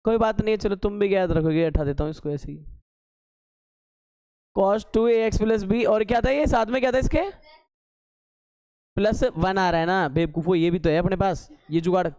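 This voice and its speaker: High-voiced teasing male math teacher. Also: normal speed, long pauses, darkish tone, clean tone, no echo. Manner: teasing, scolding students with sarcastic asides; works steps aloud, repeating key terms as questions. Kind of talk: classroom lecture at a board.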